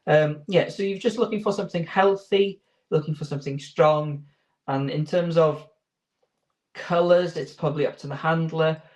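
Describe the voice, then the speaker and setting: A man's voice: fairly high pitch, fairly even intonation, moderate pace. A man giving informal interview answers as a sheepdog handler, explaining in a hesitant, rambling way.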